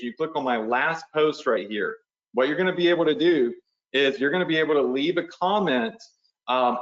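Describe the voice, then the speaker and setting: A man's voice: on the high side, fairly bright tone, roomy sound, highs cut off. A man hosting a live online training, casual and chatty, walking viewers through steps and checking in with them often. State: has the hiccups. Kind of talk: casual live webinar walkthrough.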